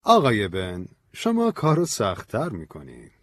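A man voicing a gentle, mildly reproving young priest in an audiobook story. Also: medium pitch, big pitch swings, slightly rough, no echo, voice pushed up.

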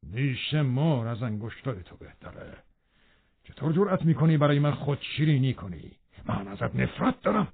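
A man's voice: mid-range voice, big pitch swings, vocal fry, slightly rough, heavily acted. A man reading aloud, voicing a cruel, domineering man who speaks harshly and with scorn in an audiobook. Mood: furious. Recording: narrow phone-like band.

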